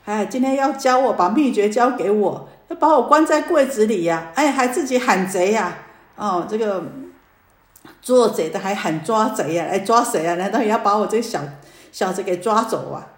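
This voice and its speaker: A woman's voice: medium pitch, normal speed, close to an everyday voice. A woman voicing a whiny young thief. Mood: indignant. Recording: echoey room.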